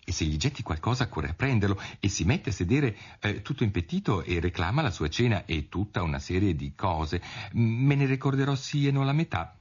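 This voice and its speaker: A chatty, well-meaning young girl talks eagerly in a raised, lively voice, as a man puts her on. Her pitch bounces up and down as she chatters on. The storybook reading comes through a dull, muffled radio recording. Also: brisk, breathy edge.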